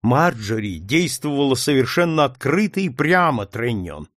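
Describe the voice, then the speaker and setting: A man's voice: fairly high pitch, lively intonation, normal speed, no echo, studio quality, pitched above the performer's own voice. A man voicing an indignant young man who speaks sternly and heatedly. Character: young indignant fiancé, hot-tempered.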